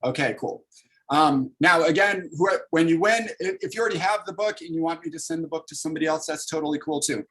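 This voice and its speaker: Over a video call, a comics artist in his thirties leads an online library workshop, chatting casually and upbeat with lots of fillers. His voice is on the high side, fast and a bit bright, and the recording is rough.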